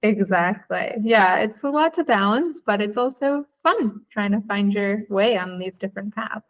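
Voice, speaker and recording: A woman from the Chicago area talks as a podcast guest, reflective and friendly, with an occasional um. Her pitch sits in the middle range. The audio is a little dull. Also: lively intonation, moderate pace. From United States, Chicago area. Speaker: guest author. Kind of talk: casual podcast interview.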